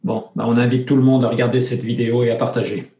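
A man's voice: mid-range voice, little pitch movement, quick pace, warm tone. A man interviewer with a mid-range voice, asking questions and dropping in short affirmations. His voice rings with noticeable room echo. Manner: friendly, brief affirmations and leading questions. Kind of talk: casual interview chat. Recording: roomy echo.

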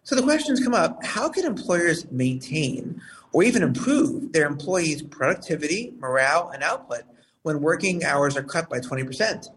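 A man hosting a live talk show, heard over a phone, speaking in a formal, measured way with some fillers. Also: a little high, very animated, a bit bright, recorded from a distance, a little hiss or hum, rough recording.

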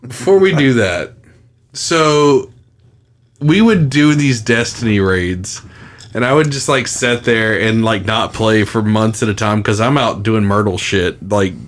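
A man's voice: on the low side, a little slow. A man hosting a casual podcast, bantering and swearing freely. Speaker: podcast host.

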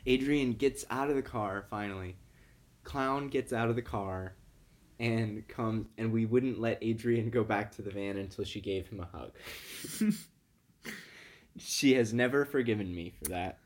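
A young adult man co-hosting a podcast in casual chat, relaxed and quick to laugh. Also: on the low side. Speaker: podcast co-host.

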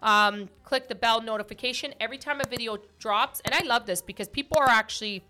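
A woman's voice: a little high, fairly quick. A woman hosting a podcast, talking casually with lots of fillers and restarts. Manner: chatty, warm-hearted, many fillers and restarts. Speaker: podcast host.

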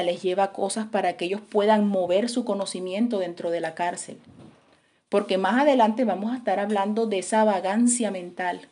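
A woman's voice: mid-range voice, mellow. A woman preaching a sermon and telling a story dramatically, acting out the quotes as she goes.

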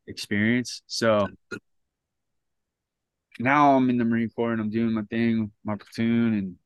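A man's voice: medium pitch, flat delivery, measured pace, smooth, dry recording. A man in his thirties, a podcast guest, telling his story in a casual, rambling way with lots of restarts. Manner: rambling, many restarts and "like" fillers.

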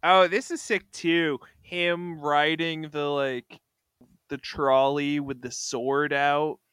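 A man's voice: a little high, flat delivery, slow pace, a bit bright, clean tone, no room sound. A man co-hosting a casual comic book club podcast, joking and enthusiastic about the panels. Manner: joking, enthusiastic, looks facts up mid-chat. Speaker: podcast co-host.

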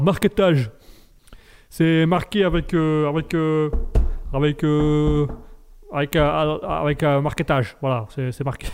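Male live-show host: playful, rambling, self-mocking, slightly high and smooth. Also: a little mellow. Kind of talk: casual live-stream chat.

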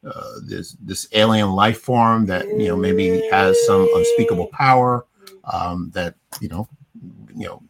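A middle-aged man with a fairly low voice hosts a relaxed film review. He rambles, circling back with fillers and restarts as he works through his points. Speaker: podcast host. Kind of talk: casual movie review chat.

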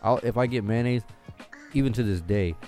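A man's voice: mid-range voice, a little fast, mellow, soft background music. A man in casual podcast chat among friends, swearing freely and laughing often.

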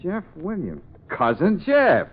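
An actor playing a breezy, wisecracking private detective in a 1940s radio drama. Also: male voice, high-pitched, huge pitch swings, takes it slowly, husky, exaggerated voice. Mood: breezy, puzzled. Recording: muffled vintage radio recording.

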